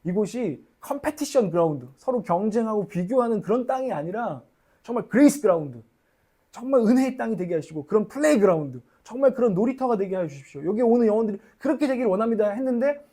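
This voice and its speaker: A man's voice: high voice, animated, fast talker, mellow. A young man preaching a sermon as a church pastor, candid and confessional, acting out his own inner voice.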